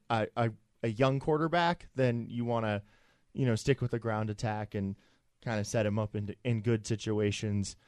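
A man's voice: medium pitch, clear, resonant tone, dry recording, clean studio sound. A young man co-hosting casual sports talk, rambling with many fillers and restarts. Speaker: sports show co-host.

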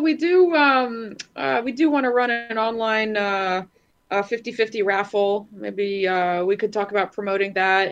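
A woman giving a casual radio interview as a guest, speaking haltingly with many filled pauses. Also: mid-range voice, highs cut off. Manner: hesitant, halting, frequent long filled pauses. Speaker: interview guest, charity organiser.

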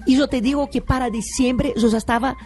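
A middle-aged woman from Brazil with a Brazilian Portuguese accent, talking as a sexologist guest in a lively, rambling way, often laughing. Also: high voice, brisk, soft background music. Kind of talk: casual interview chat.

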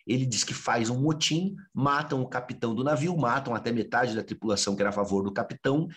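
A man, a researcher, telling a historical story in an interview, animatedly acting out the dialogue of its characters. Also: mid-range voice.

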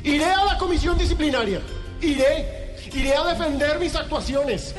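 A man's voice: very high-pitched, normal speed, faint music behind. A man voicing an indignant, pious, aggrieved character in a theatrical, pompous radio declamation. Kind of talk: mock-dramatic radio declamation. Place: radio studio.

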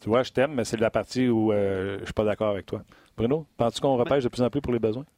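A man's voice: fairly low pitch, fairly even intonation, quick pace, a little mellow, no room sound. A man with a Québécois French accent hosting a hockey draft talk show, chatty and full of hesitations. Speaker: sports radio host.

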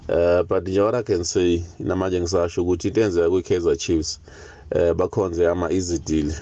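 A man's voice: low-pitched, mellow. A man with a South African accent casually giving his sports opinion as a caller to a radio phone-in. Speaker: radio call-in listener. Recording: dull muffled call audio.

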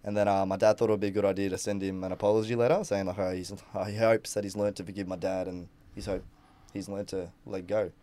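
A man's voice: deep voice, level tone, quick pace, mellow. A young Australian man co-hosting a podcast, chatting casually with lots of laughter and swearing. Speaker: podcast co-host. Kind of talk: casual comedy chat.

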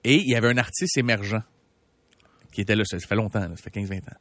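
A man with a Québécois French accent, co-hosting a radio show and telling a story in lively, joking banter. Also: fairly low pitch, fast, no echo. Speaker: radio co-host. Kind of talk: casual radio chat.

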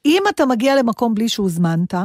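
A woman's voice: fairly high pitch, big pitch swings, a little mellow, dry recording, clean studio sound. A woman co-hosting a podcast in casual chat, a chatty storyteller who laughs easily. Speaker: podcast co-host.

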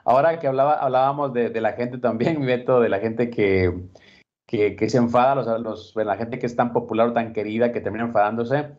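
A man with a mid-range voice co-hosts a casual sports chat, talking in a steady, reflective way. The sound is dull and lo-fi. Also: mid-range voice, brisk. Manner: reflective, steady, frequent "¿no?" tags. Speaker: boxing talk show co-host. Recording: dull lo-fi recording.

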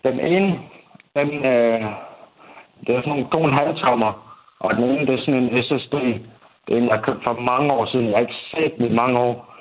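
A young man speaks in a candid interview, his sentences full of restarts, fillers and swearing. His voice sits at an average pitch. The recording sounds narrow and tinny, like a phone line. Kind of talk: candid interview about family conflict.

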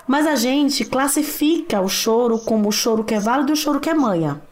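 A woman's voice: fairly high pitch, lively intonation, fairly quick, darkish tone. A woman with a Brazilian Portuguese accent, a writer and psychoanalyst, explaining things reflectively as a guest on a talk show. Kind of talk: conversational explanation.

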